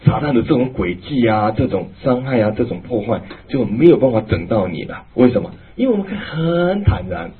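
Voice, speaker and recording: A male pastor preaching a sermon, emphatic and animated, then dropping to a hushed, low tone. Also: a little fast, hardly any pauses. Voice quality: very husky. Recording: tinny phone-like, lo-fi.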